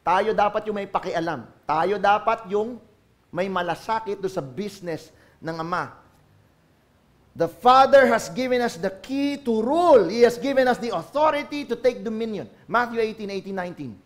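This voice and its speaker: A man with a Filipino accent, a pastor preaching a sermon to a church congregation, swinging from hushed asides to loud, emphatic calls. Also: high voice, expressive, moderate pace. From Philippines.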